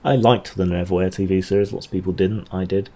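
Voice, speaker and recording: Low-voiced man rambling on stream. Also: fairly even intonation, quick pace, dark tone. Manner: rambling, hesitant with many ums, dry asides. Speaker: channel host answering chat questions. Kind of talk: casual livestream Q&A.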